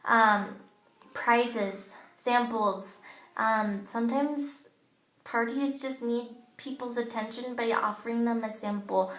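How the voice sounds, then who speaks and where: Her voice is a little high, a bit bright and childish-sounding, and she speaks slowly. She's a direct-sales makeup team leader giving a chatty, casual training talk to her sales team, filled with ums and you-knows, recorded on an old smartphone camera in her echoey home bathroom.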